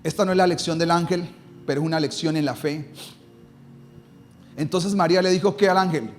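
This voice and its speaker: A man's voice: a little high, brisk, faint music behind. A male pastor preaching a sermon emphatically, stretching out and lifting his key phrases.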